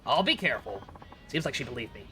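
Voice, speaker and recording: A woman's voice: a bass voice, very animated, fast talker, pushed and bright, faint music behind. A woman streamer chatting and reading game dialogue aloud in a rambling, self-correcting way.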